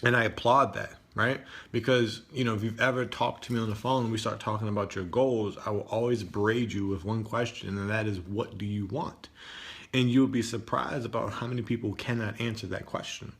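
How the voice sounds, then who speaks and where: Casual low-voiced man streaming live. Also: fairly even intonation, brisk, hardly any pauses, fairly bright tone. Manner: conversational, often tags lines with "right?". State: morning voice.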